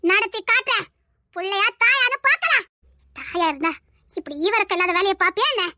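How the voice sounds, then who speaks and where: A performer voicing a stern, sharp-tongued mother in a homemade family drama, with a Tirunelveli accent. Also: extremely high pitch, lively intonation, fairly quick, dry recording, studio quality, exaggerated voice. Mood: angry scolding. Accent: Tirunelveli Tamil. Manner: harsh, commanding, sharp-tongued. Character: stern scolding middle-aged mother.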